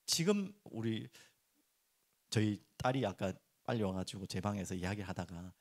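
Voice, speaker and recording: A middle-aged man preaching a sermon as pastor, turning expressive when he acts out prayers and dropping soft and low for earnest points. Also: normal speed. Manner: animated, acts out prayers and complaints in raised voice.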